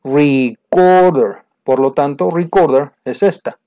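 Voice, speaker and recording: A man's voice: fairly high pitch, lively intonation, measured pace, a little mellow, dull audio. A man teaching English in a recorded lesson, going over exercise answers and patiently explaining by repeating words and speaking straight to the learner.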